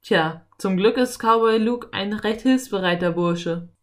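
A woman's voice: medium pitch, measured pace, voice pushed up, natural voice. A woman voicing a friendly adult male cowboy, telling a campfire ghost story in an easygoing way. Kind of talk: audiobook character reading.

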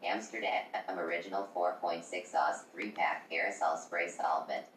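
A synthetic female text-to-speech voice, robotic and flat, reading out product listings. It sits very low in pitch and is heard from across a room. It echoes faintly off the walls with a little background hiss. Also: normal speed. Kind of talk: flat machine read-out. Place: room where a computer plays it aloud. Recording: roomy, distant playback from a device.

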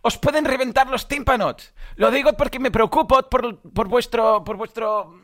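A man's voice: very high-pitched, moderate pace, a bit bright, no room sound, studio quality, voice pushed up. A man playing a pushy, boastful annoying client who adds a silly ending to his words. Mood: mock caring. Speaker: podcast co-host.

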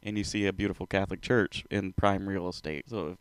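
A man's voice: sits low, fairly even intonation, a little fast, clear, resonant tone, dry recording. A man co-hosting a casual podcast chat, joking and laughing often. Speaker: podcast co-host.

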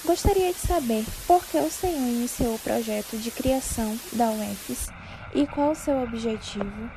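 Woman acting as a caller, over the phone, formal and polite, mellow voice, slightly high. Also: moderate pace, slight background noise, low-quality recording. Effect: heard over the phone from a public payphone. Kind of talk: staged call-in to a radio show.

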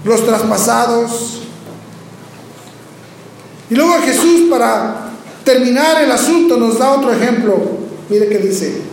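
A male pastor preaches in a church, calling out to the brothers and sisters and often stumbling over repeated words as he restarts. His voice sits very high. The sound is drenched in room echo, with faint noise underneath. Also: slow, creaky, long pauses. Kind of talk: sermon. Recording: very echoey church hall with faint background noise.

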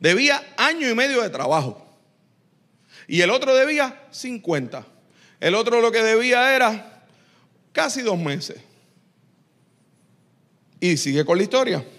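A man preaching a lively, joking sermon in church, teasing his congregation with quick asides. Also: very high-pitched. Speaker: pastor.

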